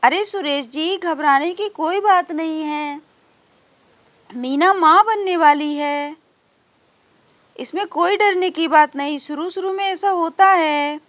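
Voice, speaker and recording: A woman's voice: very high-pitched, slow, fairly bright tone, no echo, exaggerated voice. A woman voicing a nurse in a doll story who talks in a soothing, reassuring way. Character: calm, reassuring village nurse.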